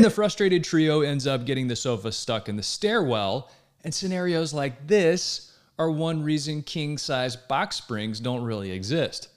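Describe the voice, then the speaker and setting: A man narrating an industry news piece in a steady scripted read. His voice sits at a middle pitch. The delivery is upbeat and even. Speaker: news reader.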